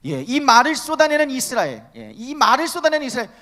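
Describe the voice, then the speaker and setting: Male youth preacher, emphatic sermon delivery, bright tone with a very animated pitch. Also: fast. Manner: emphatic, asks the listeners rhetorical questions.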